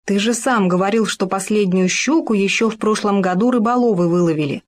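A woman voicing an excitable young male gopher who loves making discoveries, in a children's storybook reading. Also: mid-range voice, a little fast, close to an everyday voice. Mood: eager. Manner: eager, insistent, breathless with enthusiasm.

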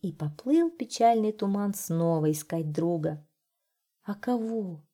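A woman reads a fairy tale aloud, gentle and expressive, her pitch moving freely. Her voice is mellow and a little husky. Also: a little slow. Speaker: narrator. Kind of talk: storybook narration.

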